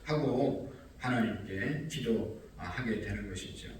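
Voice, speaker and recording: A man's voice: fairly low pitch, takes it slowly, slight background noise. A man preaching an early-morning sermon as pastor, earnest and rising in emphasis when he quotes scripture. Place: church sanctuary. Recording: echoey distant mic with faint ambience.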